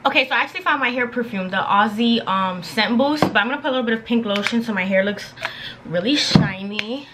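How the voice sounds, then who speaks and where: Heavy background noise sits under a fast-talking young woman with a fairly high voice. She's a beauty and lifestyle vlogger in her twenties, chatting loosely in slang with lots of fillers as she gets ready in her bedroom at home.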